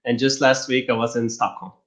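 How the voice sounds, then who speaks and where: A Belgian man, a LinkedIn marketer appearing as an interview guest, explains things casually and step by step. His mid-range voice is brisk and fairly bright with little pitch movement. The online-call audio sounds roomy and slightly dull.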